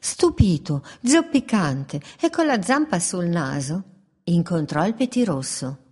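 A woman reading a children's story aloud in a playful, expressive way, with repeated refrains. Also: fairly low pitch, measured pace, slightly rough.

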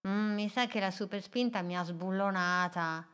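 A woman's voice: mid-range voice, normal speed, a bit bright, clear, resonant tone, lightly acted. A woman voicing a tiny, brave little female boat who speaks earnestly and eagerly in a children's story. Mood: apologetic.

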